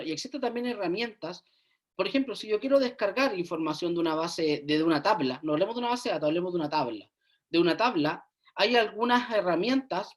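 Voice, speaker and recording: Woman teaching online, going over quiz answers, keeps checking in and humming while she thinks. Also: on the low side. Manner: checks in often with "¿ya?" and thinks aloud with hums. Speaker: university lecturer.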